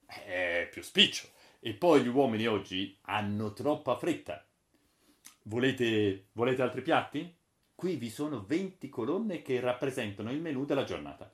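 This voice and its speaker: A man's voice: mid-range voice, animated, measured pace, voice pushed up, close to an everyday voice. A man voicing a confident guide who explains a future world to visitors, assured and explanatory. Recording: roomy echo.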